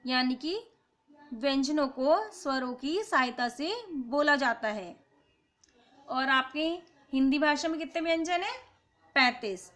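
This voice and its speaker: A woman teacher giving a grammar lesson to children, explaining slowly and sounding out letters one by one. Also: high voice, animated, fairly bright tone. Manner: slow, deliberate explanation, spelling out sounds one by one. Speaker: school teacher.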